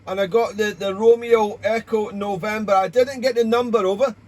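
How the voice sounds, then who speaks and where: A Welsh man with a high voice and fairly even intonation chats at a normal speed as an amateur radio operator, rambling courteously through call signs and radio procedure words. It's a casual ham radio contact, with slight background noise.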